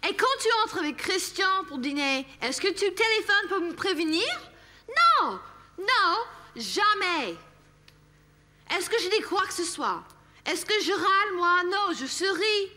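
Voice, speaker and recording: A fiery, sharp-tongued young woman. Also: extremely high pitch, animated, moderate pace, heavily acted. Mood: indignant. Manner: heated, emphatic and scornful. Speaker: sitcom actress. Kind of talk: 1980s French sitcom acting.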